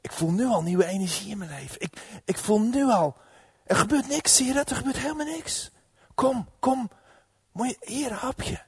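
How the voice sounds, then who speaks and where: A man voicing an eager, excitable young woman who talks quickly and breathlessly in a sermon's acted story. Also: high-pitched, vocal fry, husky, no echo, studio quality, pitched above the performer's own voice, heavily acted. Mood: excited. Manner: breathless, excited, rising to shrieks.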